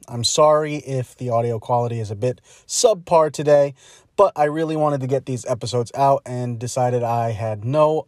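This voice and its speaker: A man hosts his podcast alone, his voice captured on a phone while he sits in a car. The sound is dry and close with no room echo. His pitch is middling, and he talks thoughtfully, often stopping with an "uh" to find the right word. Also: darkish tone. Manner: thoughtful, searching for words with frequent uh's. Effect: recorded on a phone. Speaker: podcast host. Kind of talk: casual solo commentary. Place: inside a parked car.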